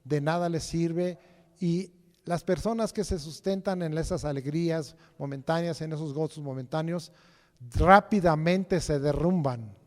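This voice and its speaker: In a large hall during Sunday service, a lay preacher speaks a little slowly in a slightly high voice. His sermon is rhetorical and full of repeated phrases, and he frequently turns to the congregation with "right?"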